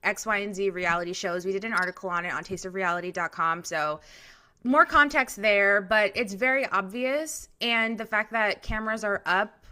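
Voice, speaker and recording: A young woman co-hosts a casual podcast, gossiping about reality TV in a chatty, opinionated way full of restarts and fillers. Her voice is mid-range with a sharp tone and a smooth sound.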